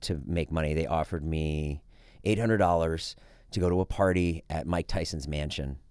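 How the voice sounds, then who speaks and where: Male podcast host, very deep voice, brisk interviewer, dry studio sound. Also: darkish tone, smooth, no room sound. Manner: short prompts and quick follow-up questions. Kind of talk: casual interview chat.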